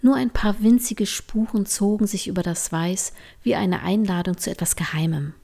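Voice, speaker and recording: A woman reading a bedtime story aloud, softly and often in a whisper. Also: medium pitch, moderate pace, creaky. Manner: soft, often whispered narration.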